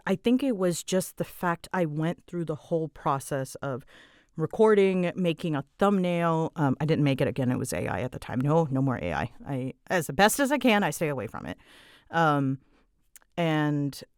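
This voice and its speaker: A low-voiced woman rambles through listener questions as an online creator, recorded close and without echo. Her manner is chatty and self-mocking, turning animated when she quotes herself.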